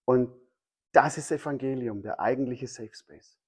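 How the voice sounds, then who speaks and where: A man's voice: mid-range voice, measured pace, husky. A man preaching a sermon, emphatic and fond of repeating his key phrases. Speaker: pastor.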